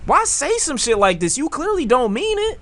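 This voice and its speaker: Guy ranting about rap, high bright voice, bounces all over the place. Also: very animated, normal speed. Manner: ranting, mocking, heated. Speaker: music commentator. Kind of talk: heated rant commentary.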